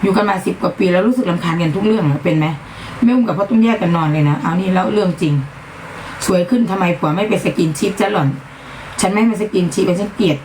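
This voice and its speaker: A middle-aged woman from Northeast Thailand with an Isan accent, chatting bluntly through a live-stream sales pitch and scolding noise around her. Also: quick pace, a little mellow, roomy sound, low-quality recording. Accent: Isan Thai. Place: upper floor of a home.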